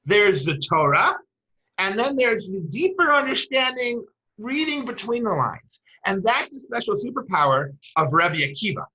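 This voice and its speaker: A woman teaching a lecture with a bright, forceful voice, working Hebrew terms into her English as she tells old stories. The recording sounds dull and lo-fi. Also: lowish voice. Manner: storytelling, retells quoted dialogue.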